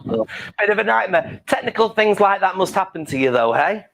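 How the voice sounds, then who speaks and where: Male host, teasing and camp, higher pitch, very animated intonation. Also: normal speed, vocal fry. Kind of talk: casual interview chat.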